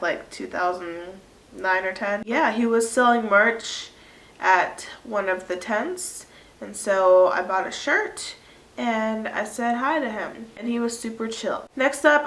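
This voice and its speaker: In an echoey room, a woman in her early 20s vlogs casually to camera with a stuffy, cold-clogged nose. She's chatty and rambling, leaning heavily on "like," and her voice is mid-range and a bit bright.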